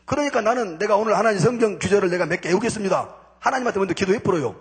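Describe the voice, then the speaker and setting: Standing at a church pulpit before a congregation, a man gives his spoken testimony, telling his story emphatically with punchy, repeated intensifiers. His voice sits high, with lively intonation, a racing pace and a breathy edge.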